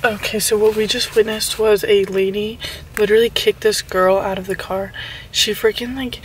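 A woman's voice: medium pitch, steady tone, normal speed, slight background noise. A young woman vlogging into a handheld camera from inside a car, chatty and full of "like". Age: young adult. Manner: chatty, says "like" a lot. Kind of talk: casual vlog chat. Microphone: handheld camera at arm's length.

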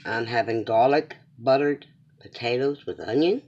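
A man's voice: medium pitch, moderate pace, a little mellow. A man with a Southern US accent chatting casually to viewers as a home cooking vlogger, in a dull lo-fi recording. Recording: dull lo-fi sound.

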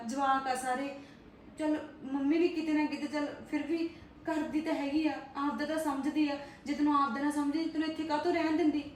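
A woman acting in a family drama, comforting and insisting in a quick, firm way. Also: high voice, a little mellow. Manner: comforting, insistent, fast-talking. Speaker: actor in a family web drama. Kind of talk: scripted family drama dialogue. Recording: echoey room, far from mic, faint noise.

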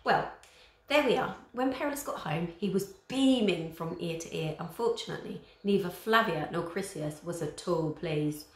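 A woman's voice: lowish voice, animated, normal speed. A female teacher reading a children's chapter book aloud, with chatty asides to young listeners. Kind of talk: storybook read-aloud. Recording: roomy echo.

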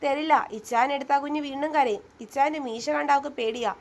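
Feisty young wife, sulky and sharp-tongued, high voice, voiced by a woman narrator. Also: fairly even intonation. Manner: sulky, quick to bristle.

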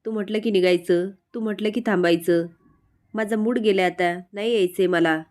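A woman's voice: medium pitch, fairly even intonation, moderate pace, darkish tone, close to an everyday voice. A woman voicing a sulky young woman who snaps at her brother. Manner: sulky, snapping. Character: young woman, sulky, sharp-tongued sister.

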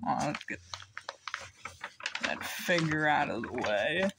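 A man's voice: on the high side, animated, slow, gravelly, very noisy. A teenage boy chatting casually as he unboxes secondhand discs at home, rambling with lots of ums. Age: teens. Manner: rambling, hesitant, many ums. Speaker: vlogger.

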